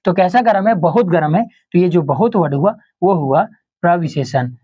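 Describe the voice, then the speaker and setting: A man's voice: animated, dark tone, slightly rough, dull audio. Male teacher quizzing himself aloud. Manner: asks quiz questions and answers them himself, repeats examples; slows down and drops low on key terms. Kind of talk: exam-prep Hindi grammar lesson.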